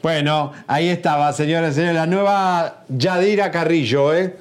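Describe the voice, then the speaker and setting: A man's voice: fairly high pitch, moderate pace, clear, resonant tone. A man co-hosting a gossip show, joking as he tells a story in casual chat. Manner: jokey, storytelling.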